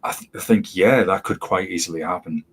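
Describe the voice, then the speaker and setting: A man co-hosting a casual film chat, relaxed and agreeable, often saying "yeah". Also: deep voice, fairly quick, husky. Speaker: podcast co-host.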